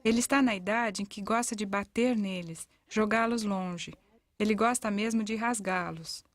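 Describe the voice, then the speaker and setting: A Brazilian-accented woman narrates an educational parenting video, reading scripted voice-over and testimonials aloud. Her voice sits at medium pitch and moves at a normal speed, with no room sound.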